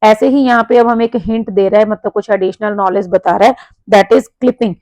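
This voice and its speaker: A woman teaching an exam lesson, reading sentences slowly and explaining in Hindi. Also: medium pitch, fairly even intonation, mellow, no room sound, rough recording. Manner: reads English sentences slowly, explains in Hindi with frequent "theek hai". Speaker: English teacher. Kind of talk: exam-prep lesson walkthrough.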